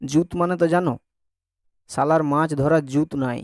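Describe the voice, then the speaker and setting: Teaching a class Bengali grammar, this man checks comprehension with questions and repeats sounds over and over for pronunciation practice. He speaks at normal speed with fairly even intonation in a voice on the high side, captured as clean studio sound without echo.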